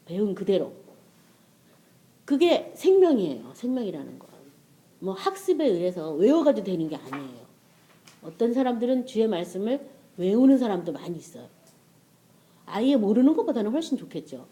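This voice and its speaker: A woman's voice: medium pitch, big pitch swings, normal speed, pauses often, dark tone. A middle-aged woman preaching a sermon in a conversational way, often checking with her listeners.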